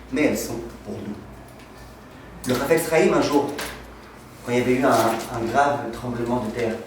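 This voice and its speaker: Animated rabbi in an echoey room. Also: male voice, mid-range voice, slight background noise. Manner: asks the class questions and answers them, tells anecdotes. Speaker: rabbi teaching a class. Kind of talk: lively Torah lesson with humor. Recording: echoey room, mic far off.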